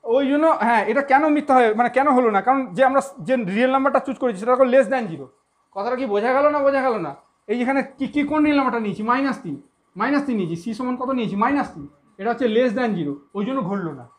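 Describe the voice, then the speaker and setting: A woman's voice: on the high side, rapid-fire. A woman teaching a math lesson, who repeats her points and keeps asking if she was understood. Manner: repetitive, keeps checking understanding.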